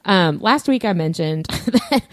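A woman's voice: on the low side, expressive, unhurried, no echo, studio quality. A woman co-hosting a casual podcast, chatty and laughing often as she explains. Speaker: podcast co-host.

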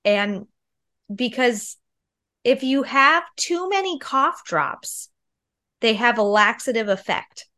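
Sick and nasal from a cold, a thirty-something woman chats on her podcast as a confiding storyteller. Her slightly high voice is animated and bright with a forceful edge, and she takes it slowly.

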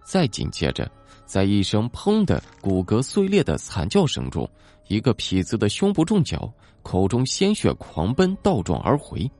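A man narrating a ghost story in a dramatic, expressive way. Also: on the low side, normal speed. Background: soft background music.

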